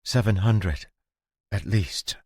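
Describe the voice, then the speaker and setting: A man voicing an alert young woman mage who speaks in a brisk, earnest way. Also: fairly low pitch, mellow, slightly rough, no echo, studio quality, pitched above the performer's own voice, exaggerated voice. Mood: urgent.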